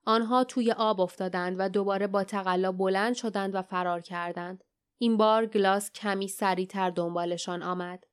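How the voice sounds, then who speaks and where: Woman, audiobook narrator, smooth clear voice, steady tense storytelling. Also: mid-range voice.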